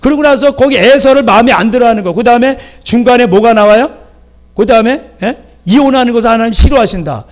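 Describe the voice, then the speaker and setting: High-voiced male pastor preaching. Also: fast. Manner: checks in with the congregation with frequent "예?"; lively, acts out scolding parents. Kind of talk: sermon. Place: church sanctuary.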